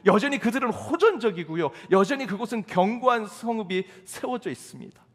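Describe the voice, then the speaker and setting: A man's voice: high voice, lively intonation, brisk. A man preaching a sermon as pastor in a church sanctuary, with emphatic delivery and rhetorical questions. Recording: long reverb of a church hall.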